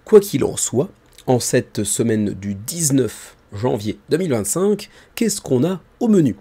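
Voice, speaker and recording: A man hosting a board game crowdfunding video show presents in an informal, chatty, self-deprecating way from a small indoor room. He is very animated, yet keeps his tired, husky voice low and soft to spare it, speaking at a measured pace. The microphone sits about ten centimetres from his mouth.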